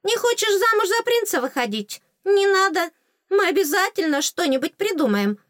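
A woman voicing a small, cheeky female tooth fairy with a squeaky, teasing, excitable voice in an audiobook. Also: normal speed, no echo, studio quality, heavily acted. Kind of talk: audiobook character voice.

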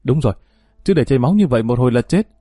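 A man's voice: medium pitch, lively intonation, very fast, dark tone, no echo, studio quality, close to an everyday voice. Man voicing a worried young lover.

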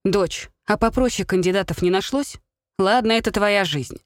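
A woman's voice: mid-range voice, moderate pace, no echo, clean studio sound, natural voice. A woman reading a blustering middle-aged father, a former soldier, who blurts and pleads with his wife. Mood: exasperated.

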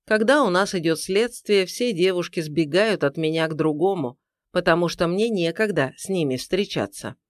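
A man's voice: high-pitched, moderate pace, no room sound, studio quality, natural voice. A narrator playing a young male detective who jokes wryly and feels sorry for himself. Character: young joking male detective, self-pitying.

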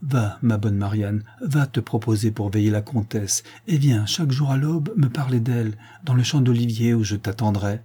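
A man voicing an old peasant woman, a devoted nurse who speaks gently and earnestly. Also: medium pitch, moderate pace, few pauses, husky, natural voice. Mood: consoling.

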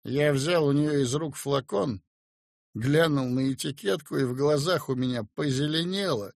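A man reading a story aloud in a measured, expressive storytelling way. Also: fairly high pitch, vocal fry, no echo, studio quality. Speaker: narrator. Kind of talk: audiobook reading.

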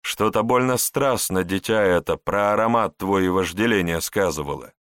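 A man reading an audiobook, voicing a gruff, wry grand prince tired of quarrels. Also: sits low, normal speed, fairly bright tone, no room sound, studio quality. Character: brusque grand prince, exasperated husband.

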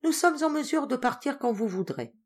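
Woman voicing a steady, loyal manservant. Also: high voice, moderate pace, pitched above the performer's own voice. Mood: calm. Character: loyal calm male servant, steward.

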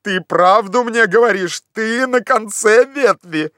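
Man voicing an overexcited, feverish gentleman. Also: high voice, lively intonation, unhurried, no echo, clean studio sound, pitched above the performer's own voice. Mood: eager. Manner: shouting orders eagerly. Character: excitable obsessed gentleman, feverish and commanding. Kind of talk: audiobook character voice.

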